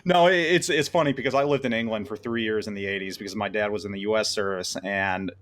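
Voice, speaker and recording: A man's voice: fairly low pitch, fast, fairly bright tone. Upbeat American man hosting an interview. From United States. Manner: upbeat, laughs often, stammers. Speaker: interviewer, YouTuber. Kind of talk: casual interview chat.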